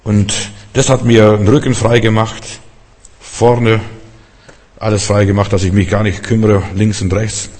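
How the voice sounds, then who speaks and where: A man's voice: lowish voice, flat delivery, a little slow, a little mellow. A man preaching a sermon fervently, asking the congregation direct questions. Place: church hall in Berlin. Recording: long hall reverb.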